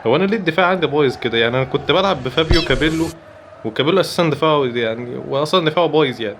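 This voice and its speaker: A young man with an Egyptian Arabic accent giving excitable live commentary over football gameplay, breaking into rapid repeated cries. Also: a little high, a little hiss or hum. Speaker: gaming YouTuber.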